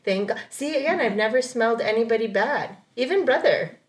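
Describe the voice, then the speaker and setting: A woman's voice: on the high side, expressive, a little fast. A middle-aged woman co-hosting a podcast, chatting casually, telling stories and laughing often. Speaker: podcast co-host. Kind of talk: casual chat.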